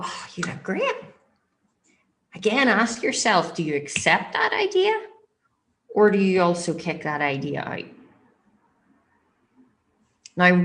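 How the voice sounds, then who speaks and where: A woman with a Northern Irish accent teaching as a motivational coach, speaking emphatically and directly to her listeners and checking in with them. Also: fairly low pitch.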